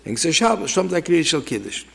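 A man's voice: a little high, sing-song, quick pace, creaky, fairly bright tone, slightly rough. A man teaching an informal religious law lesson as a rabbi, talking conversationally and telling anecdotes to his listeners. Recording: reverberant hall.

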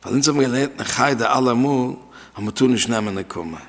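A man's voice: mid-range voice, quick pace. A man teaching a class on religious law. He repeats key phrases and asks questions aloud. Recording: long reverb from a hall.

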